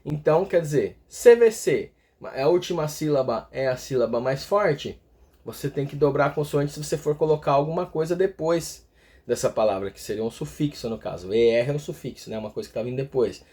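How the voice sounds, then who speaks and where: This video grammar lesson features a man with a fairly high, mellow voice and a brisk delivery. He walks through English grammar step by step, frequently stopping to check on viewers with a tag "tá?" at the end of phrases.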